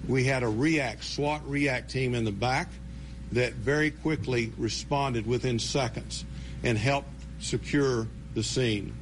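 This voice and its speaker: A man's voice: mid-range voice, slow pace. An American man speaking as a police spokesman at a briefing, giving a matter-of-fact, step-by-step account. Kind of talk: press briefing. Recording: faint background noise.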